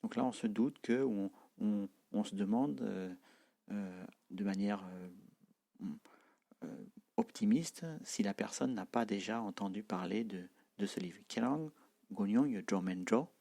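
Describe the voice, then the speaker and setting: A man teaching a language lesson, explaining slowly with many hesitations and repeating example phrases. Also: lowish voice, gravelly, dark tone.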